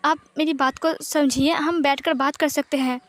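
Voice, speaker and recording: A woman plays a protective older brother in a spoken fan story, soothing and steady. Her voice stays high. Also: normal speed. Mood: reassuring.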